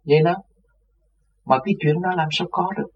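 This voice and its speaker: A man's voice: on the high side, fairly even intonation, a little fast. A man, a religious teacher, tells his story in a loose, repetitive way. He is recorded from a distance on a dull, muffled mic with a faint hiss behind him. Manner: rambling, repeats words, acts out others' voices. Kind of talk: casual spoken recollection.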